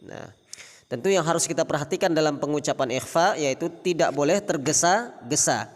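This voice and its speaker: A man teaching a Quran recitation lesson on tajwid rules, explaining slowly and pronouncing Arabic examples in a raised, drawn-out recitation tone. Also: big-room sound. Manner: slow, deliberate, models Arabic examples in a raised chanting pitch.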